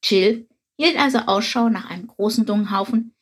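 Breathy woman reading a storybook. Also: mid-range voice, moderate pace. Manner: calm, even reading aloud. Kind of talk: scripted storybook narration.

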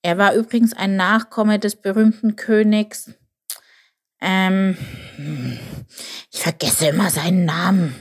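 A woman voicing a grumpy old male buffalo who mutters and grumbles slowly. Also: medium pitch, steady tone, voice pushed up, close to an everyday voice. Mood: grumbly.

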